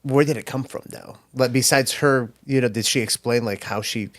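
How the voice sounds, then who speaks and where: A man's voice: mid-range voice, moderate pace. Man, podcast host, encouraging, short affirmations, casual interview.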